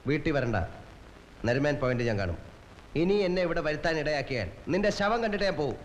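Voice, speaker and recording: A man plays a stern older brother who talks in firm, measured warnings and sounds calm but threatening. His mid-pitched voice rings with a long reverb, and a faint hiss runs under it, as in an old film soundtrack. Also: natural voice. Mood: menacing. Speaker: lead actor in a crime drama film.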